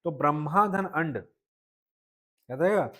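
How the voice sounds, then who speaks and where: A man with a Chhattisgarhi-tinged accent leads a live Hindi lesson, his voice sitting a little on the high side. He checks in with the class constantly and slows down to spell words out one sound at a time. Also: fairly bright tone. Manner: drills students with frequent "ठीक है" checks. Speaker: Hindi teacher at a coaching class.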